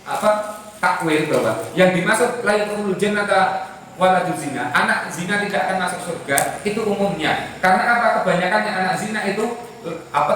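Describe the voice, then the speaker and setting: A man gives an Islamic sermon, animated and full of rhetorical questions, acting out the dialogue of a story. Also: high-pitched, slight background noise. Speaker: preacher. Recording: echoey hall from far off.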